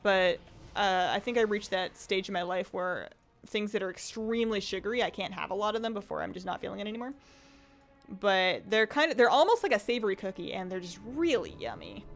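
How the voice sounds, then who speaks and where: While gaming on a livestream, a woman chats and rambles, reading out comments from viewers. Her medium-pitched voice is brisk and sounds slightly strained from talking so much.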